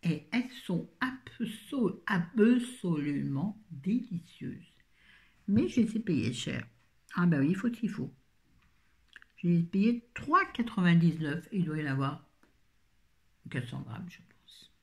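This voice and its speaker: A woman's voice: lowish voice, lively intonation, measured pace, pauses often. A woman in her fifties chatting casually through a grocery haul, rambling with self-mocking asides. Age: 50s. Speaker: vlogger.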